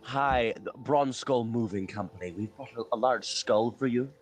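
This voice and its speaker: A man's voice: mid-range voice, normal speed, faint music behind. A man playing a tabletop game in character, polite and hesitant with frequent fillers. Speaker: player.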